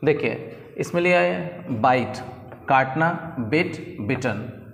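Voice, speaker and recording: A man teaching English grammar, reading out verb forms slowly and repeating each one. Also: fairly high pitch, expressive, vocal fry, a bit bright. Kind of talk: slow spoken-English grammar lesson. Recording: echoey room with long reverb.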